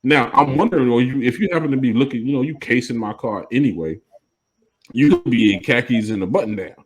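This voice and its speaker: Talking fast at medium pitch, this man co-hosts a podcast in a casual, emphatic style and keeps checking in with "you know what I mean." The audio is poor.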